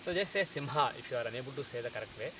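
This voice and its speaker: A man's voice: medium pitch, lively intonation, noisy background. Methodical man teaching pronunciation. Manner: careful, methodical, slows to sound out words. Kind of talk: explanatory lesson.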